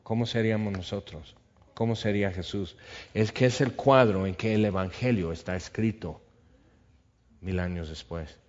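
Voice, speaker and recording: A man's voice: on the low side, moderate pace, darkish tone. A man preaching a sermon, animatedly acting out biblical dialogue. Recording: dull lo-fi sound.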